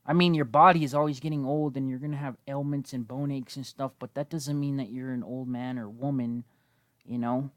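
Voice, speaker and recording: With a steady mid-range voice at a slightly fast pace, a gaming video host in his 20s narrates gameplay casually and ramblingly, cursing and staying relaxed. He's coming down with a cold, so he sounds a bit wheezy, and the recording is dry.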